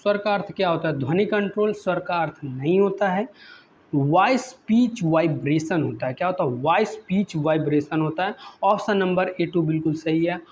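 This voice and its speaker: A man with a slightly raised voice teaches through a list of exam questions. He reads each English question slowly, then explains it in Hindi and keeps prompting with repeated questions. The recording is a bit dull and muffled, with a faint hiss. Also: high voice, darkish tone.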